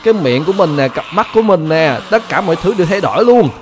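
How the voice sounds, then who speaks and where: A man's voice: high voice, expressive, fast talker, background noise. A man giving chatty gameplay commentary, constantly addressing his viewers. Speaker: gaming YouTuber.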